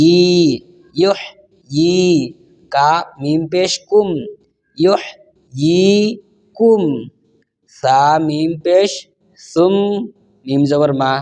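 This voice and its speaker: A man with a Bangladeshi Bengali accent teaches Quran reading at a very slow, deliberate pace. He spells each syllable aloud, then sings the word back in a slightly raised voice. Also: on the high side, dark tone. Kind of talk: slow spelling-out recitation lesson.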